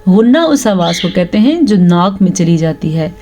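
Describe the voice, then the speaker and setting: A woman teaching Quran recitation rules, reciting verses slowly and drawn out, then explaining each rule. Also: lowish voice, very animated, mellow, soft background music. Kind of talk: slow recitation lesson with explanations.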